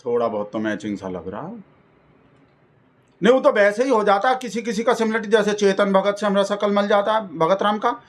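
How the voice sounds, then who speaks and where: A man's voice: high-pitched, expressive, a little fast. A man delivering a rambling, folksy satirical comedy monologue. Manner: folksy, rambling, keeps addressing the listener as brother. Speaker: comic persona host.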